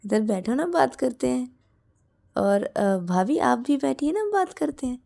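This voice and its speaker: A woman's voice: sits high, very animated, a little slow, vocal fry, warm tone, voice pushed up, full character voice. A woman voicing Vikas, a young man who coaxes and stumbles over his words. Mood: coaxing, protesting. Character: young man, easygoing, a bit flustered.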